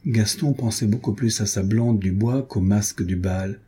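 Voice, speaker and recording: A man narrating a nineteenth-century novel as an audiobook reader, raising his pitch for the characters' dialogue. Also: normal speed, mellow, breathy edge.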